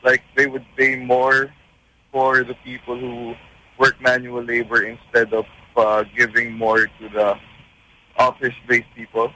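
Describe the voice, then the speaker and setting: A man's voice: medium pitch, completely flat delivery, unhurried, sharp tone, low-quality recording. A man calling in to a radio show, speaking hesitantly with restarts. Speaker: caller.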